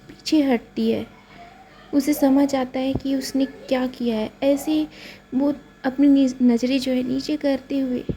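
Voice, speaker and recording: In a low-quality recording, a woman with a high voice, a dark tone, and a Hindi-speaking Indian accent casually narrates a romance story. Her retelling is repetitive and full of fillers.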